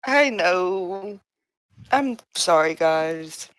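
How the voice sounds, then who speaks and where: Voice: medium pitch, expressive, drawn-out words, fairly bright tone, clear, resonant tone, no echo, poor audio. A tired player in a tabletop game, talking in a sleepy, rambling way. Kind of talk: casual chat at a tabletop game.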